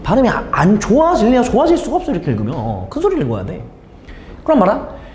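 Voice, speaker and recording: Lively high-voiced man lecturing. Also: quick pace, echoey room, a little hiss or hum. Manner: lively, asks the students questions and answers them himself. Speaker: English teacher. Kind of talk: exam explanation lecture.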